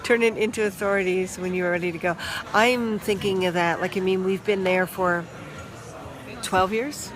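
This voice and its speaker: Holding a phone in a crowded outdoor market, this Toronto vlogger talks to live viewers from a flea market stall in a loose, rambling way, restarting often and trailing off into asides. The voice is medium-pitched and fairly even at a moderate pace, and the audio quality is poor.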